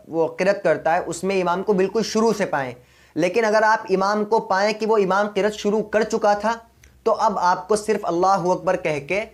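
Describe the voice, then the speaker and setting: A man with a fairly high voice for his sex and an Urdu accent teaches the rules of prayer behind an imam. He goes step by step, patient and methodical, and repeats the key points so they stick. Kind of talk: religious instruction.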